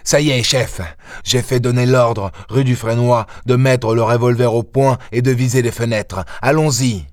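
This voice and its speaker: A man voicing an impatient, gruff middle-aged police inspector who talks in an excitable, insistent way, for an audiobook. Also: mid-range voice, normal speed, no echo, clean studio sound, natural voice. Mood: agitated. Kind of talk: audiobook character voice.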